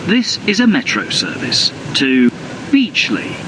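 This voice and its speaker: A man's automated onboard train announcement, slow and measured. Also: medium pitch, wildly swooping pitch, noisy background.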